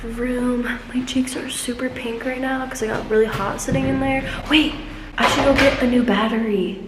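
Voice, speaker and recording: A woman's voice: a little high, steady tone, normal speed, noisy background. A young woman from the United States vlogging casually to her camera while traveling, chatting with lots of "like" fillers. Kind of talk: casual vlog talk to camera. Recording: echoey with loud music behind.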